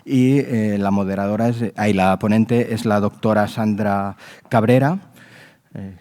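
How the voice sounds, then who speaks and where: A man's voice: lowish voice, steady tone, unhurried, mellow. A man, a family doctor co-moderating a conference session in an informal, hesitant way. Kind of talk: conference introduction.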